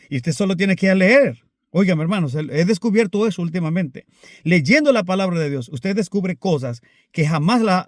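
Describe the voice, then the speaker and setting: High-voiced earnest male preacher. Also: dry recording, clean studio sound. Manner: earnest, repetitive, addresses listeners as brothers. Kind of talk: sermon.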